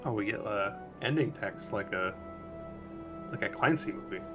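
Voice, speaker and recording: A man's voice: lowish voice, lively intonation, normal speed. A man co-hosting a gaming stream, chatting casually over the gameplay. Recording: loud game music behind. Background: game music and sound effects.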